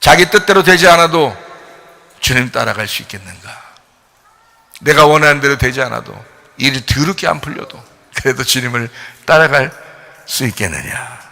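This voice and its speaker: A male pastor preaching a sermon, addressing listeners directly in blunt informal speech, with sudden loud rises and hushed questioning drops. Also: medium pitch, lively intonation, normal speed, creaky, pauses often.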